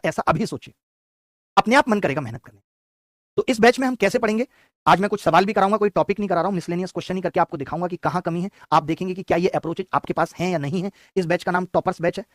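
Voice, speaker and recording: A young man runs a live online math class, talking at a breakneck clip and urging students on. His voice sits high for a man. It is recorded dry and close, with no room sound. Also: no echo. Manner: rapid, exhortative lecturing. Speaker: math teacher.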